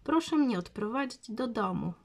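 A woman's voice: fairly high pitch, animated, moderate pace, vocal fry, darkish tone, pitched above the performer's own voice. A woman voicing a prim, fussy little girl who drawls her words, in a children's storybook reading. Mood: sulky.

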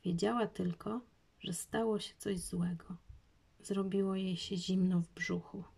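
Woman narrator, children's audiobook, calm measured reading, dark gravelly voice. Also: mid-range voice.

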